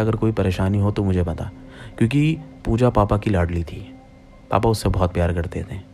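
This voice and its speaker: A man's voice: deep voice, mellow. A young man narrating a true-style horror story in the first person, speaking directly to his listeners as friends in a plain retelling voice.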